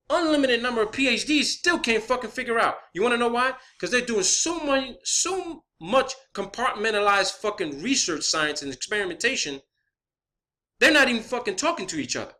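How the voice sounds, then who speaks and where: This man, an online video creator, speaks in a high voice that sounds pushed and bright. He delivers a heated, profane rant, combative and emphatic, and keeps repeating phrases to hammer his points home.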